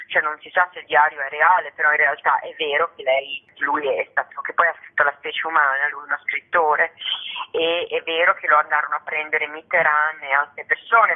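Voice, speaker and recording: Speaking in a deep voice over a tinny, narrow-band phone line, a woman who is a theatre actress and author gives unscripted radio interview talk as a guest. She wanders in her answers and frequently rephrases partway through sentences.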